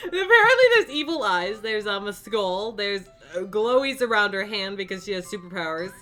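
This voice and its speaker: A woman's voice: mid-range voice, very animated, normal speed, a bit bright, soft background music. A young woman hosting a casual chat, reacting to her own old art with lots of giggles and disbelieving exclamations. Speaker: YouTube artist host.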